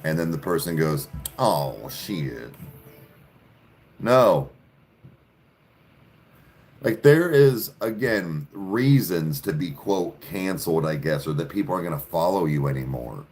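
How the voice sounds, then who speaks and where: A man's voice: low voice, animated, a little slow, darkish tone, a little hiss or hum. A man hosting a podcast, ranting sarcastically in casual chat with plenty of profanity. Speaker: podcast host. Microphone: studio podcast mic.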